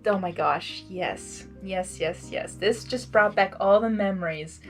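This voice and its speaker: In this blind-reading series, the host speaks at a medium pitch and a slightly slow pace over gentle background music. She breaks up the story narration with enthusiastic, exclamatory fan reactions.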